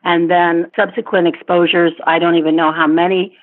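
A woman's voice: fairly low pitch, flat delivery, normal speed. Middle-aged woman on a tinny phone line. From born in Vietnam, raised in Asia and Africa. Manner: thoughtful, with frequent restarts and light laughs. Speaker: interview guest. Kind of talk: casual interview over a phone line.

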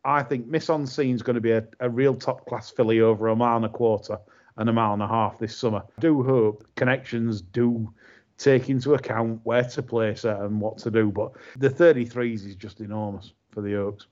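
Man, podcast host, mid-pitched voice, animated rants, slightly muffled audio. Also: fairly quick. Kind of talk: casual podcast chat.

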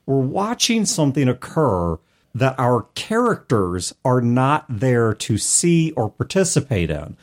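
On his casual tabletop RPG podcast, the host gives long, reflective explanations peppered with hedging asides. This time his voice is mid-range and sing-song, moving a little slowly.

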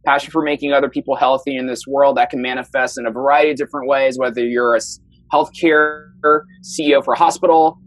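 A man's voice: mid-range voice, fairly even intonation, fast, no echo, rough recording. A man hosting a health podcast, enthusiastically introducing his guest and stumbling over some words. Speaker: podcast host.

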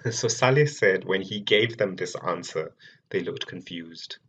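A man from Malaysia, a researcher giving a prepared public talk, telling his story in a measured way with clear emphasis. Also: sits low, fairly bright tone.

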